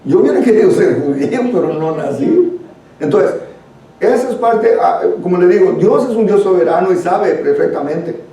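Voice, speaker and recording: In a very reverberant room, picked up by a far-off microphone, a Guatemalan-accented man leads a church Bible study. His high, mellow voice is animated with vocal fry at a normal speed as he earnestly reads and explains scripture in a conversational manner.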